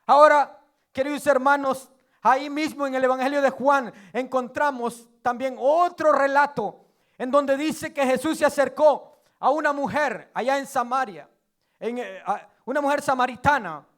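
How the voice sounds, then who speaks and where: A male preacher giving a sermon, retelling scripture as lively storytelling with joking asides. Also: very high voice, moderate pace. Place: church.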